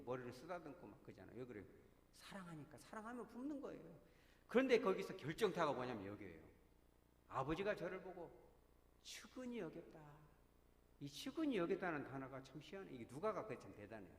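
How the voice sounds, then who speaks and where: Male pastor preaching, really animated up-and-down delivery, keeps asking the crowd questions, big echoey church room. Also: medium pitch. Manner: emphatic, addresses congregation with frequent rhetorical questions. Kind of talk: sermon. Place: church sanctuary. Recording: echoey church hall with long reverb.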